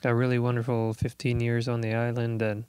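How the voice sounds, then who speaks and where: In a casual studio interview, a Puerto Rican musician in his thirties reflects thoughtfully, using many fillers. His mid-range voice is monotone, smooth and a little mellow, fairly quick, with no room sound.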